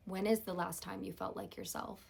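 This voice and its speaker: A woman playing a therapist in a role-play, talking in a calm, measured, reassuring way. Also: medium pitch, gravelly, breathy edge. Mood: calm, supportive.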